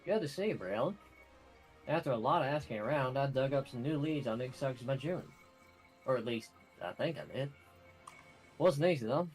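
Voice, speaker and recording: A man reading a gruff, folksy adventurer informant's game dialogue aloud in a drawling manner. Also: medium pitch, expressive, moderate pace, pauses often, soft background music, close to an everyday voice, low-quality recording.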